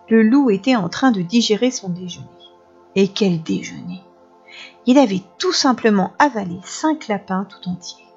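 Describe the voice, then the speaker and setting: Woman, kindergarten teacher, expressive read-aloud for children; slightly husky voice; dull lo-fi recording with faint music. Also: medium pitch. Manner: lively, dramatic narration. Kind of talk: expressive storybook reading for children.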